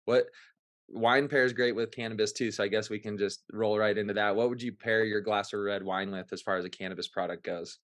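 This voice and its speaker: A man hosting a webinar panel, relaxed and easygoing, with lots of ums. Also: fairly low pitch, brisk. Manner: relaxed, easygoing, filler-heavy. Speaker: webinar host. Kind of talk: casual hosting. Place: remote webinar call. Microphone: video call.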